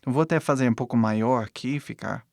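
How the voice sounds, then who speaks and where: A man's voice: medium pitch, fairly quick, gravelly, dry recording, clean studio sound. A male teacher, explaining pronunciation in a video lesson and checking in with "né?" as he goes. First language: English. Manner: explanatory, frequent "né?" and "tá?" tags. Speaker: English teacher.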